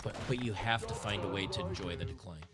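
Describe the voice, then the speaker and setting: A man's voice: deep voice, fast talker, very noisy. A man, ranting in a frustrated, sarcastic, rambling way. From Tennessee, USA. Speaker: commentator. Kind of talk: ranting commentary.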